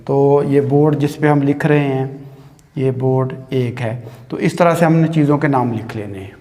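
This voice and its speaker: A man teaching an English grammar lesson at a board, slow and patient, often checking in with "theek hai". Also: medium pitch, fairly even intonation, warm tone, long reverb tail. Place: classroom with a board.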